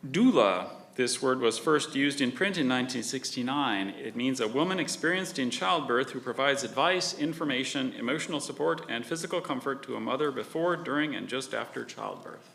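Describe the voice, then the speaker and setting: A man acting as spelling bee pronouncer, reading out words, definitions and example sentences in a measured, formal way. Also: medium pitch, lively intonation, gravelly, fairly bright tone, echoey room, rough recording. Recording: live stage with background noise.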